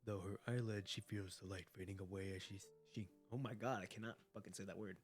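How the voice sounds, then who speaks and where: Low-voiced man reacting to a game story. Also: fast talker, faint music behind. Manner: excitable, profane, exclamatory. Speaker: streamer. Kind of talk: game story reaction, casual commentary with dramatic read-aloud.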